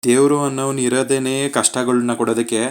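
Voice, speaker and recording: A man's voice: medium pitch, flat delivery, fairly quick, lightly acted. A man reading as a teasing, kind young husband. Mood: reassuring. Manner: teasing, coaxing and talkative. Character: kind, joking young husband who comforts everyone.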